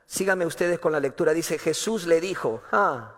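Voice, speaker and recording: A man's voice: a little high, animated, normal speed, a bit bright, long reverb tail. A male pastor preaching a sermon with passion, acting out a desperate father's pleas.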